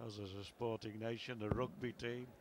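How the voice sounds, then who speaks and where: A man's voice: fairly low pitch, little pitch movement, brisk. A man giving darts commentary on television with conversational asides. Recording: clearly noisy broadcast with arena ambience.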